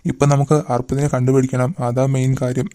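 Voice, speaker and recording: ഒരു പുരുഷൻ കാർട്ടൂണിൽ ആശങ്കയുള്ള ഒരു അച്ഛന് ശബ്ദം നൽകുന്നു; അയാളുടെ സംസാരം ആത്മാർത്ഥവും അടിയന്തിരത നിറഞ്ഞതുമാണ്. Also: male voice, mid-range voice, completely flat delivery, quick pace, mellow, dry recording, clean studio sound, natural voice. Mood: urgent. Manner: earnest, urgent. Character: worried father, practical.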